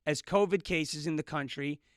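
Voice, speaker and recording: A man's voice: a little high, normal speed, no echo, studio quality. A man in his early thirties guest-hosting a political commentary show with a sarcastic, snarky delivery. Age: 30s. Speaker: guest host.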